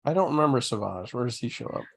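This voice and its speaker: A man co-hosting a casual watch-along livestream, making joking asides and quick reactions. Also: mid-range voice, lively intonation, vocal fry, no room sound. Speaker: podcast co-host.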